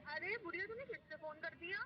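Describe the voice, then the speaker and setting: A woman's voice: very high-pitched, fast talker, slight background noise. A woman playing a rude, mocking daughter-in-law on a staged phone call. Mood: scornful. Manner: mocking, dismissive.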